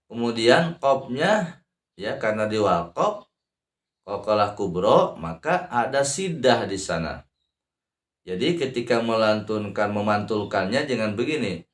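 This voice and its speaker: An Indonesian man teaches the rules of Quran recitation in a slow, deliberate, rather low voice. His explanation halts often on fillers before he chants a verse as an example. The sound is roomy and echoing. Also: expressive.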